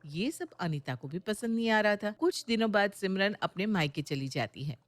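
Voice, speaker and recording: A woman narrating a moral storybook tale in a calm, even way. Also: mid-range voice, normal speed, dry recording.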